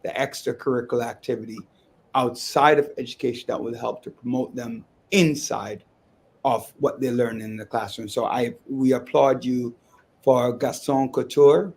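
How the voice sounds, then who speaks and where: A man's voice: mid-range voice, steady tone, darkish tone. Easygoing older male talk show co-host. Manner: measured, teasing, switches into Spanish. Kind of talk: casual radio talk show chat.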